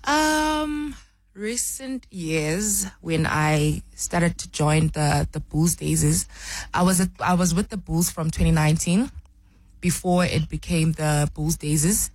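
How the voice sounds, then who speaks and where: A woman's voice: fairly low pitch, slow, darkish tone, dry recording, poor audio. A young woman from South Africa, a rugby player, answering interview questions with many ums and restarts.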